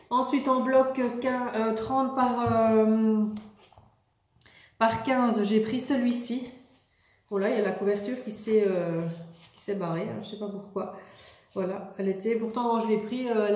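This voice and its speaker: Mellow-voiced woman chatting through a haul. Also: medium pitch, roomy sound. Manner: relaxed, chatty, many hesitations. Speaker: vlogger showing a shopping haul. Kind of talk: casual haul video.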